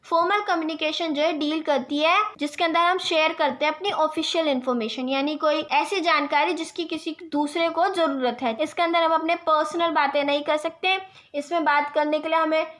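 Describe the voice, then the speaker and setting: A young woman teacher with an Indian accent, reading English definitions slowly and explaining them in Hindi, asking herself quiz questions and answering them. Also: high voice, steady tone, fairly bright tone. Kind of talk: exam-prep lecture.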